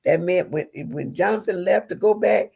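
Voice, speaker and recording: A woman's voice: fairly low pitch, normal speed, creaky, breathy edge. A middle-aged woman, a pastor's wife and interview guest, telling a personal story earnestly and with feeling. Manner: earnest, animated, leans on endearments like "honey" and "girl".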